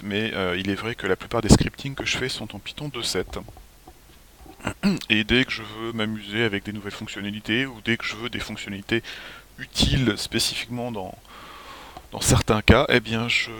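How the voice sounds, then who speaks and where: A man presenting a software tutorial as a screencast walkthrough, relaxed, often clearing his throat and restarting phrases. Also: fairly low pitch. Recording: faint hiss.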